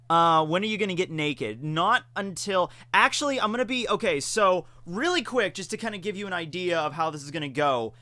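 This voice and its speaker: Streamer, male, mid-twenties, bright and crisp voice, dry close sound, chatty and laughing. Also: high-pitched, lively intonation, moderate pace, no room sound. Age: 20s. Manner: chatty, laughs often, reads and answers chat questions. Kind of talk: casual live-stream chat.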